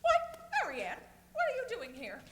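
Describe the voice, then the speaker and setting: A woman's voice: sits high, wildly swooping pitch, normal speed, slight background noise. A woman voicing a fussy, anxious male rabbit who frantically bosses his servants. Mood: frantic. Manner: frantic and bossy. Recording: echoey stage sound.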